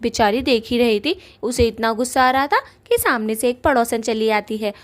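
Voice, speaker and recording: A woman narrating a cartoon ghost story in a lively storytelling manner. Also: fairly high pitch, moderate pace.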